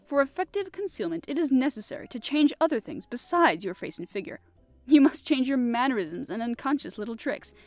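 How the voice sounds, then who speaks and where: A breezy, self-assured young gentleman hero from a classic thriller audiobook, as a woman narrator puts him on, teasing his foe with dry wit. The voice swings lively up and down in a dry, close recording. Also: a little high, fairly quick, no room sound, faint music behind. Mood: mocking. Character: cool, mocking young gentleman adventurer.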